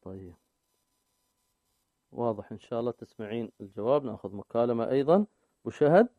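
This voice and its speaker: A man's voice: mid-range voice, lively intonation, fast talker, no room sound. A man hosting a call-in religious show, taking calls and reading listeners' questions with brief, polite acknowledgements. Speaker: radio show host. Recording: dry, phone-like narrow sound.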